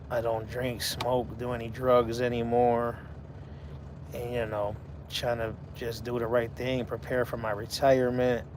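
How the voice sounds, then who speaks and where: Laid-back forty-year-old man, flat voice. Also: medium pitch, a little hiss or hum. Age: 40s. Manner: laid-back, talks to chat viewers by name. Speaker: livestream host. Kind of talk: casual live chat.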